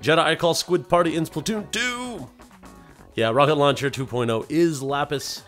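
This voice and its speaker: A man's voice: on the high side, normal speed, fairly bright tone, faint music behind. A man hosting a casual game livestream, chatting loosely and playfully with viewers and slipping into silly voices. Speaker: livestream host.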